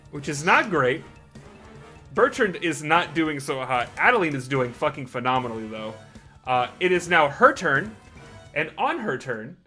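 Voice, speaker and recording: Male game master, bright and slightly high voice, cussing his way through combat, faint music behind. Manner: brash and profane, explaining rules. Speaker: dungeon master. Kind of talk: narrating a tabletop game.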